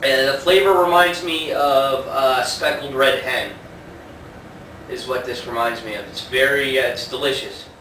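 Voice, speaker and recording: A man casually reviewing a homebrew in a relaxed, unhurried way with plenty of fillers, recorded on a camera at a distance. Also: mid-range voice, a little hiss or hum. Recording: echoey room, mic at a distance.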